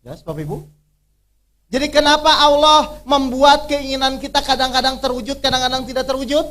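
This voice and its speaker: In a very high, brisk and slightly bright voice, this Islamic preacher conducts an interactive religious workshop. His method is to quiz the audience with rhetorical questions and repeat key phrases until the points land.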